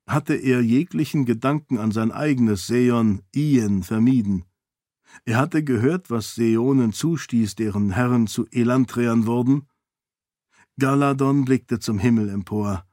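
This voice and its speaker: A man reading a fantasy novel aloud as narrator in a measured, even delivery on a close studio mic. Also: mid-range voice, no room sound. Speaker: audiobook narrator. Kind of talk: scripted narration.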